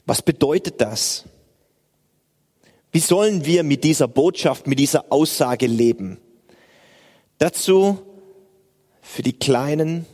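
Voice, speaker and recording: A pastor speaks to his congregation in an unhurried, earnest way. His voice rings with a long church reverb. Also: medium pitch, darkish tone. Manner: slow, earnest preaching. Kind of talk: sermon.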